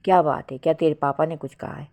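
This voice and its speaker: A woman's voice: low voice, fairly even intonation, fast, dark tone. A woman reading a story aloud, voicing a worried, loving middle-aged mother who coaxes her daughter. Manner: anxious, coaxing.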